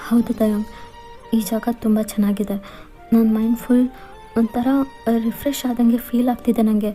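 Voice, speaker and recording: Woman as a sad confused young widow, protesting, high mellow voice, faint music. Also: level tone, unhurried, close to an everyday voice. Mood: upset. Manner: distressed, protesting. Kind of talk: fan fiction voiceover.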